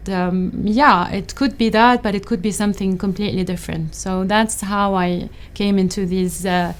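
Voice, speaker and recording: A woman's voice: mid-range voice, smooth. A middle-aged woman from Lebanon, an associate professor, answering interview questions in a thoughtful, hesitant way with many fillers and restarts.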